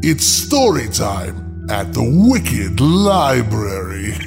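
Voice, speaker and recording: A man's voice: medium pitch, very animated, vocal fry, music in the background, exaggerated voice. A man playing a sinister librarian who hosts horror tales, theatrical and gloating, drawing out his words. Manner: theatrical, gloating, drawn-out with sly chuckles. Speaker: host character. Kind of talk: scripted horror podcast hosting.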